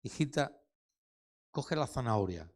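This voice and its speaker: A man voicing a wise old grandmother who gently teaches her granddaughter, within a sermon story. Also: medium pitch, lively intonation, measured pace. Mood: gently instructive. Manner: gentle, instructive.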